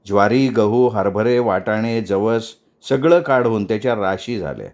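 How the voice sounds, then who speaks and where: A man reading a novel aloud as a storyteller, in a measured, even narration. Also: fairly low pitch.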